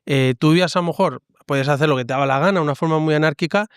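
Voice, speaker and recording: A man's voice: fairly high pitch, fast, clean tone, dry recording, clean studio sound. A man, a priest, hosting a conversational interview, asking questions and often adding short tag questions.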